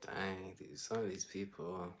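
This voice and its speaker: A man's voice: deep voice, little pitch movement, a little slow. A young adult man with an American accent, chatting casually as co-host of a live political commentary stream. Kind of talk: casual chat.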